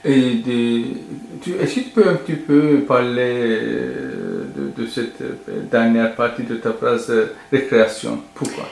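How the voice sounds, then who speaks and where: A man's voice: mid-range voice, sing-song, a little slow, vocal fry, hardly any pauses, darkish tone, a little hiss or hum. A man interviewing a poet, asking his questions hesitantly and often restarting them. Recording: roomy echo.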